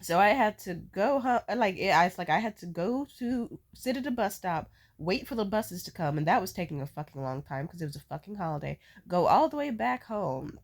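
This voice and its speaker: A woman who is sick with a stuffed-up nose rambles casually. She complains with theatrical, animated emphasis and swears freely as she tells her stories. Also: medium pitch, fairly quick, few pauses. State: sick with a cold, congested nose. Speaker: vlogger. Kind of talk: casual rambling storytime chat.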